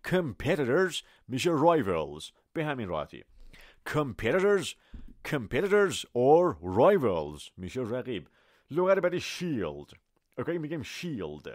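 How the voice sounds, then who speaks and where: A man's voice: medium pitch, dry recording, studio quality. A man teaching English vocabulary to Persian speakers, repeating each word and explaining it with everyday examples. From Iran. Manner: animated, repeats words for pronunciation and switches between Persian and English.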